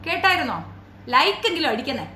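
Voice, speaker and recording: A woman commentator with a high, bright voice taunts her subject with sarcastic rhetorical questions. She is recorded in a roomy space that gives her voice an echo. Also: sing-song, fast talker, slight background noise. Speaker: commentary YouTuber. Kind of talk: reaction commentary.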